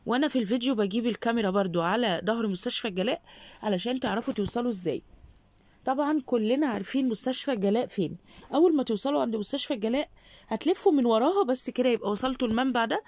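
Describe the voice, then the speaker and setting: A woman's voice: a little high, very fast, dry recording. A middle-aged Egyptian woman with an Egyptian accent, greeting her followers by name and offering them blessings in a casual shopping vlog. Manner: warm greetings and prayers for viewers. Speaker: shopping vlogger.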